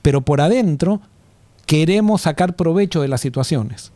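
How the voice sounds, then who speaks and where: A man explains scripture quickly in a group discussion. His voice is mellow and a bit high, and it is recorded dry. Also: expressive, no room sound. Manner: quick, explanatory, uses vos. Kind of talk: Bible study discussion.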